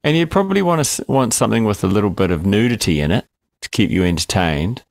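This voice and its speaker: A man trading jokes on a film review podcast, rambling with lots of fillers and the odd curse. His voice sits fairly low. The sound is dry and close, with no room echo. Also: animated, fast talker, creaky. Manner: joking, rambling with fillers and swearing. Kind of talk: casual banter.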